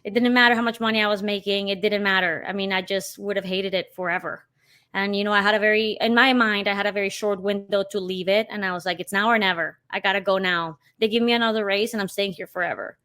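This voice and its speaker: A woman's voice: medium pitch, steady tone, fast, a bit bright, smooth. A woman in her thirties from Colombia, a podcast guest talking casually and emphatically, with plenty of "you know". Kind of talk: casual interview chat.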